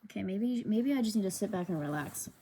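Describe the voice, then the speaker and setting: Chatty young woman, mellow voice. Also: medium pitch, animated, a little fast, breathy edge. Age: young adult. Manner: rambling, self-conscious, chatty with fillers. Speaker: podcast host. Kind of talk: casual solo podcast chat. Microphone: sensitive desk microphone.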